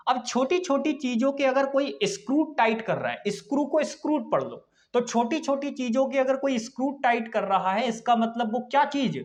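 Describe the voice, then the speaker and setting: High-voiced male teacher. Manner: repetitive, addresses students as brother, answers his own questions. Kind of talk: online exam-prep lesson.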